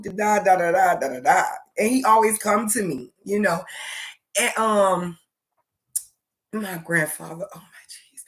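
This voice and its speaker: Slow-talking woman telling a spiritual story. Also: mid-range voice, a bit bright. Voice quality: slow, drawn-out speech with many fillers. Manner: emotional, laughs and trails off, speaks to spirits. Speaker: vlogger. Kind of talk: casual storytelling to camera.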